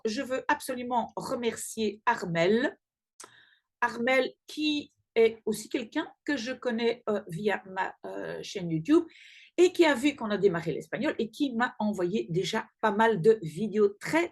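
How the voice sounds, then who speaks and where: Slow, husky woman teaching casually. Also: medium pitch. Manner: chatty, explains slowly with many fillers. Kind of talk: casual language lesson video.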